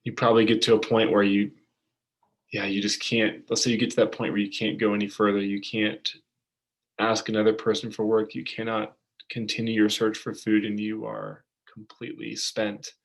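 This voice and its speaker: A man preaching a storytelling sermon, soft-spoken with long pauses. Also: on the low side, monotone, gravelly.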